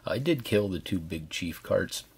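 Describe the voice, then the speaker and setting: Male reviewer, chatty and informal; raspy, creaky voice, off-the-cuff video style. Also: low-pitched, animated, a little slow. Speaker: product reviewer. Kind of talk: casual hands-on video review.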